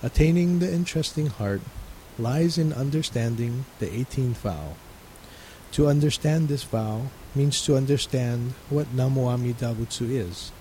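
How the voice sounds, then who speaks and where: Minister guy preaching slow and calm on the radio, warm tone, bit of hiss. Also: medium pitch, poor audio. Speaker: resident minister. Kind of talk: radio sermon.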